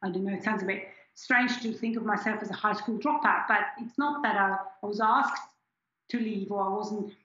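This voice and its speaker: Speaking at a normal speed with a medium, fairly bright voice, a German-speaking Swiss scientist in her forties tells her story reflectively in a frank interview, with frequent restarts. The room is echoey and the sound lo-fi.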